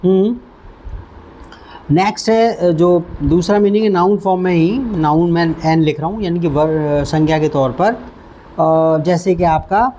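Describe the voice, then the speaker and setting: A man teaching English vocabulary, who repeats each word slowly and stops to quiz the listener. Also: a little high, dark tone, a little hiss or hum, poor audio. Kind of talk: vocabulary lesson.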